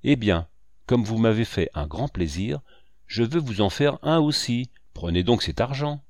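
A man's voice: mid-range voice, expressive, measured pace, dry recording, studio quality. A man voicing a gracious, generous wealthy lady in a storybook reading. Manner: gentle, gracious.

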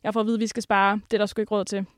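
A woman's voice: mid-range voice, flat delivery, no room sound, studio quality. A woman guest telling work stories in casual chat, with many hesitant fillers. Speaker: podcast guest, café worker. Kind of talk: casual storytelling.

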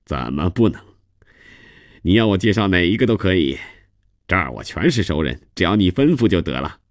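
A man gives voice to a smooth, boastful acquaintance who rattles off promises he never means to keep. The voice is deep but pushed up and hurried, with a fobbing-off impatience. It is a dry, close radio-storybook recording. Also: sing-song, no echo. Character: evasive boastful man brushing off a pest.

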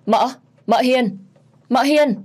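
Young heroine, anxious, polite, low pitch, warm tone, voiced by a woman. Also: moderate pace, lightly acted. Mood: anguished.

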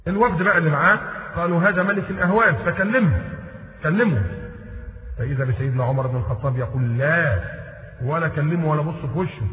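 A middle-aged man preaching with an Egyptian accent, telling a story and acting out the dialogue in shifting voices. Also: fairly high pitch. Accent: Egyptian Arabic. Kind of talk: sermon storytelling. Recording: tinny lo-fi audio in echoey hall.

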